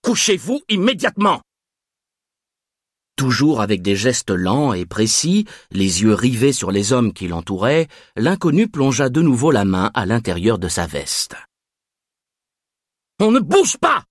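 A man reading a thriller aloud as narrator, with measured, expressive storytelling. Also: lowish voice, no echo, clean studio sound.

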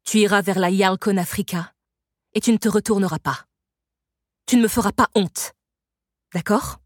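A woman voicing a stern, sorrowful sorceress who cares for an orphan girl, speaking calmly and firmly in an audiobook. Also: mid-range voice, normal speed, no room sound, studio quality, close to an everyday voice. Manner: calm, firm, soft-spoken. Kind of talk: audiobook reading.

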